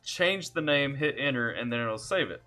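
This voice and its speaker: A Southern-accented man from Kentucky, a music reaction streamer, chats casually on a live stream from his home computer setup, reading chat aloud and greeting viewers by name. His mid-range voice is animated, bright and forceful, at a moderate pace, and his manner is laid-back and jokey. Soft music plays in the background.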